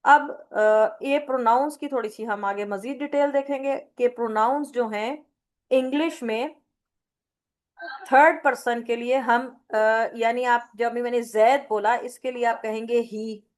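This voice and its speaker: A woman teacher giving a grammar lecture, explaining slowly with repeated examples and mixing English terms into her speech. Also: fairly high pitch, fairly even intonation. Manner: mixes English terms into Urdu. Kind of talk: online Arabic grammar lecture.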